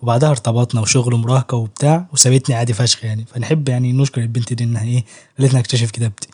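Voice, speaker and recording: A man's voice: medium pitch, fairly even intonation, rapid-fire, warm tone, husky. A young man with an Egyptian Arabic accent, chatting casually to camera about writing, joking in street slang and laughing often. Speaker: YouTuber giving writing advice.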